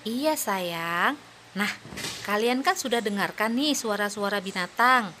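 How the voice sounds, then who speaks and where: With a mid-range, animated voice and a sharp tone, a woman performs the role of a cheerful mother in a children's audio play. She praises her two young daughters patiently and speaks slowly for them, against slight background noise.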